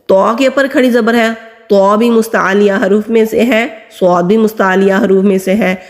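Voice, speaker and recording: In a mid-range voice with fairly even intonation, a woman teaches Quran reading step by step. She patiently explains how each letter is pronounced, drawing out the sounds as she recites, and a long hall reverb fills the recording.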